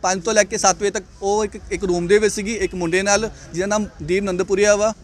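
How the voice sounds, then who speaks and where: Agitated young man, rapid-fire. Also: high voice, fairly even intonation. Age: young adult. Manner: agitated, rapid, repeats himself. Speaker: interviewee. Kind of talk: street interview.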